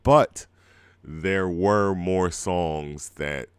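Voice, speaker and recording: Hoarse from a cold, a middle-aged man hosts a music show on the radio, talking casually and rambling on air. He speaks low and smooth, drawing out his words, and the recording carries no room sound.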